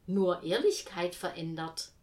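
A woman voicing a gentle encouraging gentleman. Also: lowish voice, big pitch swings, a little slow. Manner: soft, encouraging. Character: gentle older gentleman, inner heart's voice. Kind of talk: storybook reading.

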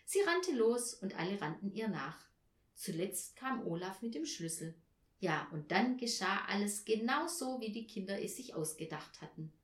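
A woman reading a children's Advent story aloud in a gentle, expressive way. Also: medium pitch, moderate pace. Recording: echoey room.

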